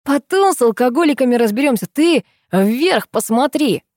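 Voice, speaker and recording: A woman's voice: high voice, expressive, normal speed, darkish tone, no echo, clean studio sound, pitched above the performer's own voice. A woman doing a sly drawling mocker. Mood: mocking. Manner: drawling, sarcastic, teasing. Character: calm mocking man, sly and unflappable.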